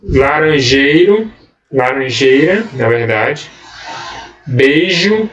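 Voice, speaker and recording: A man teaching a grammar lesson to middle-school students, explaining step by step, drawing out key words and checking in with quick "ok?" tags, in a Brazilian accent. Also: medium pitch, expressive, a bit bright, distant mic, lo-fi sound. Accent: Brazilian Portuguese. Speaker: Portuguese teacher. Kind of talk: recorded grammar lesson for seventh graders.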